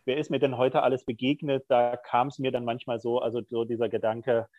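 A man's voice: mid-range voice, level tone, fairly quick, dry recording, phone-quality sound. A middle-aged man, a prison chaplain, speaking candidly and thoughtfully in an interview, with frequent hesitations. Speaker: prison chaplain, podcast guest. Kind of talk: reflective conversational interview.

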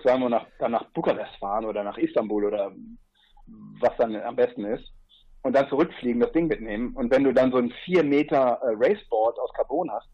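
On a casual podcast, a male guest describes his long river paddling trip in a rambling way, full of asides and fillers. His voice is medium-pitched and slightly rough, and the recording sounds muffled.

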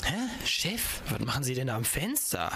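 A man's voice: medium pitch, very animated, moderate pace. A man playing a cheeky young helper. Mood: cheeky teasing. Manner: cheeky, teasing and mock-sweet. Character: cheeky young male civil-service worker. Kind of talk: amateur radio comedy. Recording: noisy lo-fi amateur recording.

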